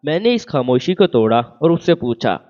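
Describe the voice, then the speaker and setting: Male storyteller, scripted narration, even delivery, phone-like thin audio. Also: a little high. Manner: reads all parts in one even voice. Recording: phone-like narrow band.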